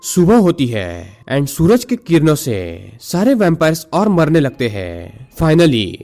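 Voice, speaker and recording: Lively man recapping a movie. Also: on the high side, measured pace. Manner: lively storytelling, mixing English words into Hindi. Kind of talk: movie plot recap narration.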